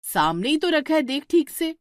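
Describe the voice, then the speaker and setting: A woman voicing a stern, scolding middle-aged mother-in-law in a cartoon story, firing sharp questions at her daughter-in-law. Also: high-pitched, sing-song, normal speed, no echo, clean studio sound.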